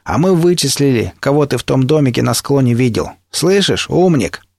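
A man voicing a hot-headed young stalker who jeers in loud shouts in an audiobook reading. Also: mid-range voice, expressive, normal speed, gravelly, no echo, clean studio sound, voice pushed up. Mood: jeering.

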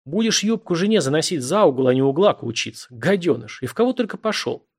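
A man's voice: fairly high pitch, big pitch swings, quick pace, slightly rough, pitched above the performer's own voice, heavily acted. A man voicing a coarse, short-tempered middle-aged blacksmith scolding his son in an audiobook. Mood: angry. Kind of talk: audiobook character voice.

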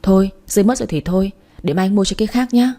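A woman's voice: medium pitch, fast talker, warm tone, close to an everyday voice. A woman voicing a stern, gullible middle-aged father who speaks bluntly in a storybook reading.

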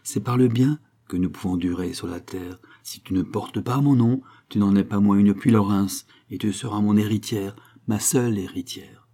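A man's voice: lowish voice, normal speed, few pauses, mellow. A man playing a stern elderly rich aunt. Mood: firm. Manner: firm, authoritative. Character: stern, wealthy elderly aunt, shrewd but tender.

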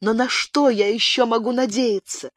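A woman's voice: a little high, steady tone, normal speed, no room sound, pitched above the performer's own voice, close to an everyday voice. A frantic young woman pleads in a raised, quivering voice, close and dry with no room sound around her. A man reads her out in a storybook reading. Her words come out tearful and broken. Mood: weak, tearful. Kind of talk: audiobook character voice.

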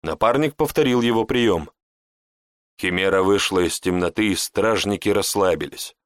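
Male narrator, low voice, dry close recording, even storytelling. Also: moderate pace, dry recording. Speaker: audiobook narrator. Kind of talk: scripted narration.

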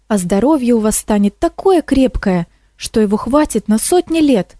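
A woman's voice: a little high, lively intonation, moderate pace, warm tone, no room sound, studio quality, natural voice. A woman voicing a cheerful, eager female swamp kikimora who pleads and enthuses, in a storybook reading.

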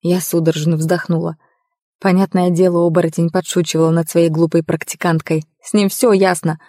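A woman reading a first-person romantic fantasy audiobook in an expressive storytelling manner. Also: on the low side, moderate pace, dry recording, studio quality. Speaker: audiobook narrator.

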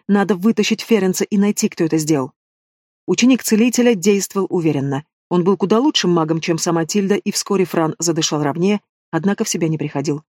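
A man narrating a fantasy audiobook with a steady, expressive reading. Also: high voice, dry recording, studio quality. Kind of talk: scripted narration.

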